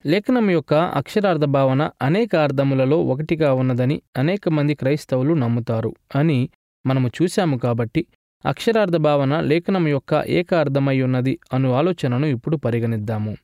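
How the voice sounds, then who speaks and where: A man giving a scripted theology lecture in a measured, formal reading style. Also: medium pitch, a little mellow, no room sound, clean studio sound.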